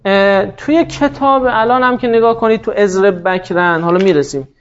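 A man with a high, light voice lectures a class, walking through each point and answering the questions he raises. The recording is dull and lo-fi, with muffled highs. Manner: explanatory, poses and answers his own questions. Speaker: teacher.

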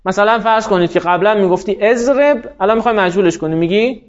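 High-voiced male teacher, lo-fi classroom. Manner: explains step by step, quizzes students by name. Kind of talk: classroom lecture.

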